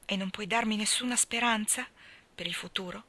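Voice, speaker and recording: A woman doing a quiet heartbroken young man. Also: normal speed, no echo. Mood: earnest. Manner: calm, low and subdued.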